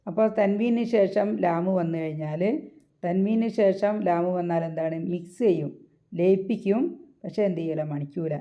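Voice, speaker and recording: A woman teaching recitation rules step by step. She asks her own questions, answers them, and slows down to chant the example words. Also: on the low side, dull audio.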